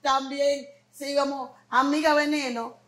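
A woman's voice: sits high, flat delivery, a little slow, a bit bright, poor audio. A Dominican woman with a Dominican Spanish accent, a guest in an interview, telling stories expressively with laughs and acted-out quotes. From Dominican Republic. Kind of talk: animated storytelling chat.

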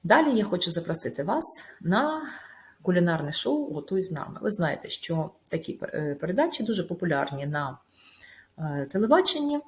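A woman teacher giving a recorded video lesson. She explains step by step in a measured way, with small hesitations. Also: on the low side, big pitch swings. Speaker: school teacher.

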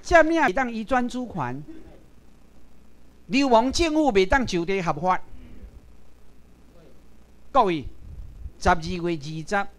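A man's voice: high-pitched, animated, slow, pauses often. A man from Taiwan giving a lecture to a seated class, speaking emphatically and addressing his listeners directly with rhetorical questions.

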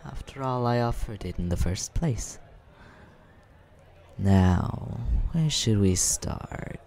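Man playing Scaramouche, a deep, creaky, suave vampire. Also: animated, heavily acted. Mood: curious, courteous. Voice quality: low, creaky, soft. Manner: unhurried, smooth-mannered, teasing. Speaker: ASMR roleplay performer. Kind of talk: soft ASMR roleplay, addressing the listener.

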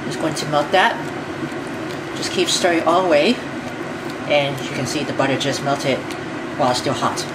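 A woman walks viewers through a recipe in her home kitchen, chatty and repeating herself as she stirs. Her voice sits a little low and sounds distant from the mic. Loud appliance noise runs under everything. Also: moderate pace, long pauses. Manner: step-by-step, chatty, repeats phrases. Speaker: cooking show host. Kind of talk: home cooking demonstration.

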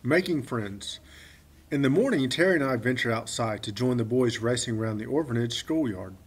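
A man narrating a children's story with gentle expression. His voice sits in a middle register and has a husky, breathy grain. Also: medium pitch, animated, normal speed. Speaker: audiobook reader.

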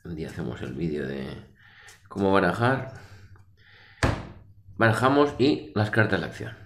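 A middle-aged man with a Spain Spanish accent casually explains game rules in a rambling, colloquial way. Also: low voice. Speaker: board game reviewer. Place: small room indoors. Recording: roomy echo.

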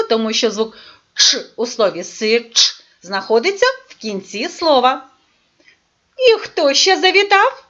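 A woman's voice: on the high side, a bit bright. Sing-song woman teaching small children. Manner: sing-song, coaxing, drawn-out words. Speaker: preschool teacher. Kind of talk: lesson for young children. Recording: dull lo-fi recording.

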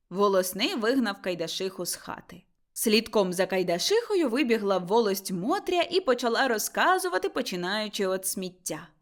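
Woman reading a classic story aloud, animated, up and down a lot. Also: on the high side. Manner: expressive storytelling. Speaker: audiobook narrator. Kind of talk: scripted narration.

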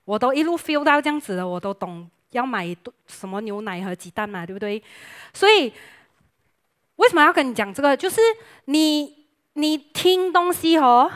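A young woman preaching a lively sermon with jokes, chatty and playful, dropping English words into her talk. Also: medium pitch.

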